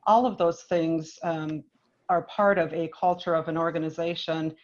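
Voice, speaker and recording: A woman from Minnesota, a business leader speaking on a panel in a measured, thoughtful way with frequent restarts. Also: sits low, fairly even intonation, darkish tone, highs cut off. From Minnesota, United States. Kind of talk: panel discussion.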